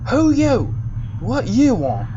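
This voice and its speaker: A man's voice: huge pitch swings, slow, warm tone, dull audio, slight background noise, full character voice. A man voicing a suspicious, dim-witted zombie from a fantasy game in a strained voice, speaking in clipped broken English. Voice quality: high, strained, inconsistent voice. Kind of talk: character voice in a game read-through.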